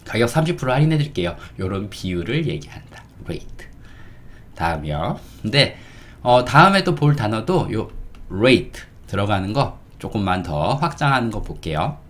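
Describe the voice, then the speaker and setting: A man teaching a casual spoken lesson as an English teacher, slow and drawn out, often checking in with the listener. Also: on the low side, very animated, a bit bright.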